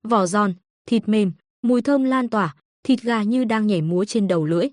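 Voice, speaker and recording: A woman narrating an audio novel in a steady, even storytelling manner. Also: mid-range voice, normal speed, no echo, studio quality.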